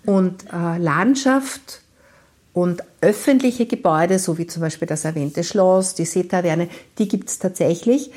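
Austrian crime novelist, reads aloud then explains her work calmly. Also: fairly low pitch, measured pace. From Lower Austria. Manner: thoughtful, explanatory. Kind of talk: author reading and interview.

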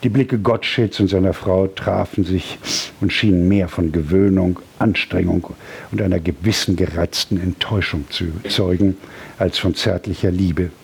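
A man narrating a historical novel as an audiobook in a measured reading. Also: low voice, fairly even intonation, gravelly, darkish tone, slightly rough. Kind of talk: scripted narration.

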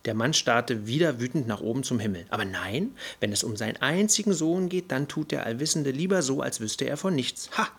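A man's voice: medium pitch, expressive, fairly quick, few pauses, breathy edge. A man voicing a brash, irritable male fallen angel who rants in a flippant, indignant way. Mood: ranting. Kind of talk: audiobook character voice.

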